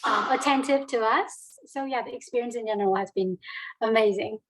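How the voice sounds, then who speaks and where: High-voiced woman, hesitant and chatty. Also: fairly quick, rough recording. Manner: hesitant, many fillers and restarts. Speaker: alumna guest. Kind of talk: casual interview answers.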